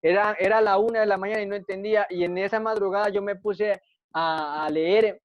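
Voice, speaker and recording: Speaking fairly quickly, a high-voiced man with fairly even intonation gives a personal testimony while preaching. He repeats himself earnestly and poses rhetorical questions, captured on a dull, dry lo-fi recording with no room sound.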